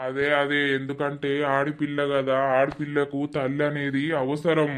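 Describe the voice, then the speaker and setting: Woman voicing a low earnest widowed husband. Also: monotone, normal speed, lightly acted. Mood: warm. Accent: Telangana Telugu. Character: gentle widowed village husband, caring father. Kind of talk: animated village story dialogue.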